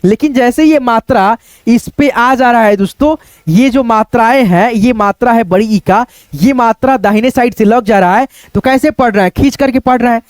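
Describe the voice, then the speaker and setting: A young man teaching Hindi reading in a casual spoken lesson, repeating sounds and words slowly and calling to his viewers as friends. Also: very high voice, no room sound. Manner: repetitive, drills words slowly, coaxing "dosto".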